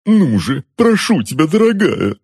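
A man's voice: medium pitch, very animated, moderate pace, a little mellow, slightly rough, no echo, clean studio sound, pitched above the performer's own voice. A man voicing a pampered middle-aged uncle under a curse, who whines, pleads and wails in a raised, strained voice. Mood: pleading. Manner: whining, pleading, wailing. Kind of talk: audiobook character voice.

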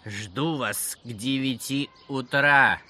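A man's voice: mid-range voice, pushed and bright, full character voice. A man voicing a grumpy, sneering middle-aged head teacher who drawls mockingly. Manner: mocking, drawn-out.

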